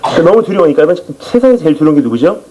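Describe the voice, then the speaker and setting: A man preaching a sermon in church as a missionary, telling his testimony in an animated storytelling way. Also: on the high side, racing, poor audio.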